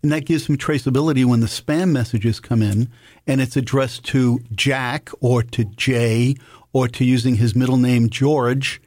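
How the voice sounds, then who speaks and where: A man co-hosting a radio talk show, telling anecdotes in a relaxed way. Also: mid-range voice, unhurried, dry recording, studio quality. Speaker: radio co-host.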